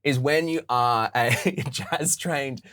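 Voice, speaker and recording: A man's voice: medium pitch, takes it slowly. A young adult man with an Australian accent and a slightly nasal voice, chatting casually as a podcast guest and laughing often. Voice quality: a bit nasal. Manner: animated, laughs often, camp. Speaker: saxophonist guest. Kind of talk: casual chat.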